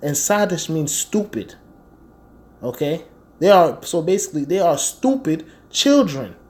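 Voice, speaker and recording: An American man with a fairly high voice and big pitch swings preaches at an unhurried pace, his tone a little mellow. As a street-style preacher and Bible teacher, he delivers a fervent, informal sermon, confrontational and slangy, repeating phrases for stress.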